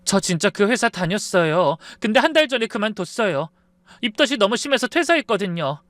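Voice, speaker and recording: A man voicing an evasive, polite young fiancée who talks softly and apologetically in a story. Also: high-pitched, very animated, normal speed, dry recording, voice pushed up. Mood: earnest. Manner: soft, pleading, apologetic.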